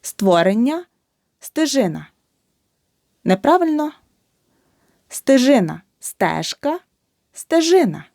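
A woman teacher slowly drilling spelling, saying words one by one with emphasis. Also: fairly high pitch, darkish tone, no room sound, clean studio sound. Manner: slow, emphatic word-by-word dictation. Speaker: language teacher.

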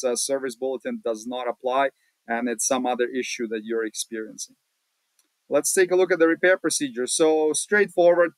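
A man hosting a casual screen-share walkthrough, talking in a relaxed, plain-spoken way with many fillers, recorded at a home desk. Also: mid-range voice, dry recording, low-quality recording. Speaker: automotive channel host.

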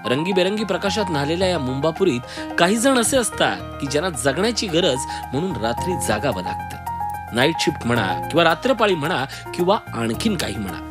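A man's voice: a little high, very animated, fairly quick. A male reporter reading a descriptive, lyrical news feature narration. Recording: voice-over with music bed.

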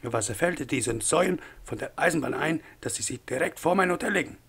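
A man voicing a blustering, indignant male hotel owner with a husky voice. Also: fairly high pitch, lively intonation, fairly quick, a bit bright, voice pushed up. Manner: indignant, coarse.

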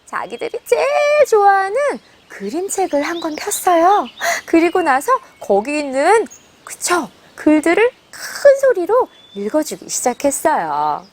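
A woman teacher leads a picture book read-aloud lesson and turns to her listeners with questions. Her voice is very high and swoops widely. She takes her time with the words. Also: measured pace. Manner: animated, asks listeners questions.

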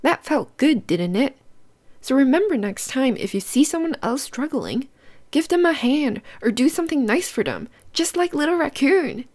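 This children's read-aloud host has a high-pitched, expressive voice with a darkish tone and a moderate pace. She talks to young listeners in simple, instructive terms and asks them questions.

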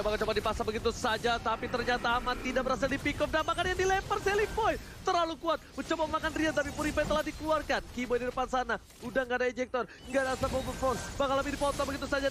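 A man calls play-by-play as an excited fighting game announcer. His voice sits very high and races along in breathless hype, hammering on names as he goes. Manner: excited, rapid-fire hype calling with repeated names. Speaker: esports play-by-play caster.

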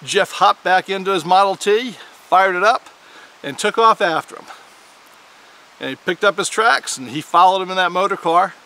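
A man hosting a firearms video, telling an old frontier tale in a folksy, animated way. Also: high-pitched, moderate pace. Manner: animated storyteller, with dramatic shouted quotes. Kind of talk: folksy historical storytelling.

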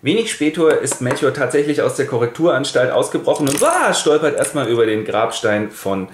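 List: man, casual ironic storyteller, mid pitch, roomy echo. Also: big pitch swings, a little fast, a little hiss or hum. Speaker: narrator. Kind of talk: comic literature retelling with toy figures.

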